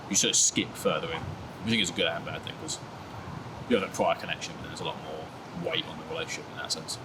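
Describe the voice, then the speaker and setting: In this very noisy clip, a low-voiced man in his twenties answers interview questions in a relaxed, candid way. He's self-mocking and hedges constantly with "sort of" and "like."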